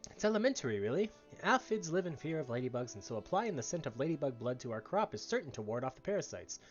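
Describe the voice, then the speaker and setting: A man's voice: a little high, very animated, fast talker, muffled recording, soft background music, pitched above the performer's own voice. A man voicing a pompous game character, a smug crop scientist who lectures about gruesome experiments.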